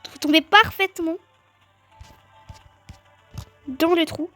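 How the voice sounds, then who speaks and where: A woman giving chatty, excitable let's-play commentary on a game, talking straight to her viewers. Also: very high-pitched, a little fast, dry recording, soft background music. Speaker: gaming video creator.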